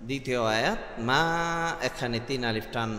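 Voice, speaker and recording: A man teaching Quran recitation step by step, spelling out letters one by one and breaking into loud, high melodic chanting for the verses. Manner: spells out letter by letter, with drawn-out filler sounds. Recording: echoey room with long reverb.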